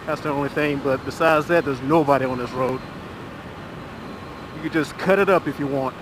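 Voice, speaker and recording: A middle-aged man with a mid-range voice rides a motorcycle on a rural road, chatting casually as a motovlogger. His delivery is relaxed and talkative, with drawn-out filler pauses. The helmet mic captures engine roar, wind, and road noise.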